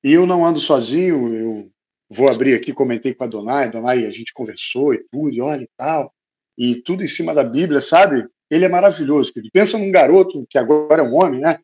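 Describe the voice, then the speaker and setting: A man's voice: mid-range voice, fairly quick, muffled recording. A middle-aged man with a Brazilian Portuguese accent preaching, telling an emotional personal story to his congregation. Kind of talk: sermon testimony.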